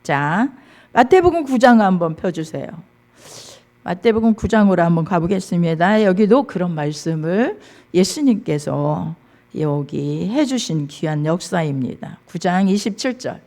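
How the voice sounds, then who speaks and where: A woman's voice: on the low side, animated, unhurried, dark tone. A middle-aged woman pastor preaching a sermon, reading scripture aloud and calling out to the congregation.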